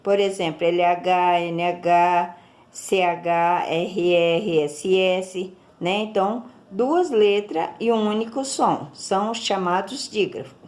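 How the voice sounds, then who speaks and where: A woman's voice: on the low side, slow pace, a little mellow. A Brazilian woman teacher, giving a recorded lesson and explaining each step patiently, checking in often with her pupils. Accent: Brazilian Portuguese.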